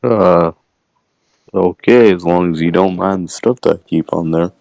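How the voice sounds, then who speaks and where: Male player voicing a gruff gravelly boat owner; low, dry, close mic. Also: unhurried, a little mellow, no room sound. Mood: reluctant. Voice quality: deep gravelly.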